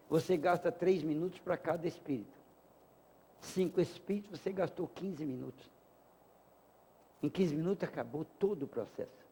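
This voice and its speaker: High-voiced man lecturing in a reverberant hall. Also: mellow, breathy edge. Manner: emphatic, rhetorical, acts out dialogues. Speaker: lecturer at a spiritist center. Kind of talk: spoken lecture to a class. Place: lecture hall of a spiritist association.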